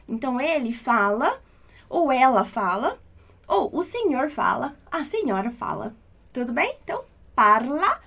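A woman with a high, light voice, teaching an online language lesson. She speaks patiently and reassuringly and slows down to repeat each example. Her tone stays calm and encouraging.

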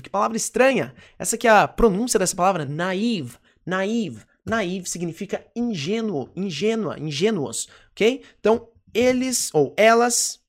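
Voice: mid-range voice, fairly bright tone. An English teacher with a Brazilian Portuguese accent gives a recorded lesson, repeating each word and often checking in with "ok?". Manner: slow, repetitive drilling with frequent "ok?" checks.

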